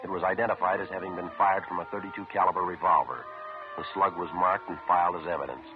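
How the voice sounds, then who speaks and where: An old-time radio crime drama police detective acted by a man, with a very deep voice and a terse, businesslike delivery. He sounds deadpan and matter-of-fact, each phrase clipped. The vintage broadcast sound is muffled and narrow, with music. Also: natural voice. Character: terse, businesslike male police detective sergeant narrating his case.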